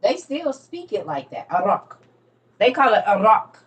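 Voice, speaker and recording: A woman's voice: mid-range voice, big pitch swings, measured pace, a bit bright, far from the mic. A woman giving an emphatic, repetitive casual lecture to her viewers, teaching as she reads. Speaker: online teacher on religion and history.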